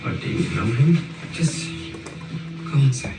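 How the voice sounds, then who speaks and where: A man's voice: mid-range voice, lively intonation, a little slow, close to an everyday voice. A man acting in a television drama, playing a weary, defensive man under pressure. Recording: roomy, distant playback with music behind.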